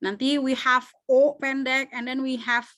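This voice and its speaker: A woman's voice: high-pitched, level tone, measured pace, a bit bright, no room sound, clean studio sound. A woman teaching English pronunciation in an online class, chatty, mixing languages and checking that students follow. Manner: switches between Indonesian and English, often checks students follow; chatty and loose, with many fillers. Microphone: video call.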